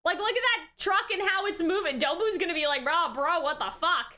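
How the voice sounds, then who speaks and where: With an extremely high pitch and a slightly quick pace, a woman hosts reaction commentary in a casual, excited way. Her talk is full of slang and exclamations, veering from shouts to mutters.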